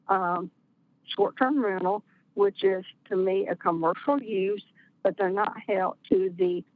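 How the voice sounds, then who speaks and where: A woman calling in by phone to give public comment at a community meeting, speaking in a measured way with many uh fillers. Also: medium pitch. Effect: over the phone. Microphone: phone call-in. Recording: tinny phone line.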